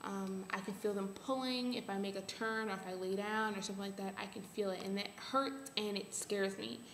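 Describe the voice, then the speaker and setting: A young adult woman giving a casual update to camera, halting as she thinks aloud. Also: medium pitch, steady tone, fairly bright tone. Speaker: vlogger. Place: small bare room at home. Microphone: webcam or laptop at arm's length. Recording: echoey room, faint background hiss.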